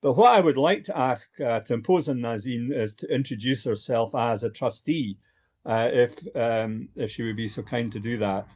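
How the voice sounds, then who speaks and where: A man's voice: medium pitch, normal speed, a little mellow. An older man chairing an online meeting, hesitant with many fillers.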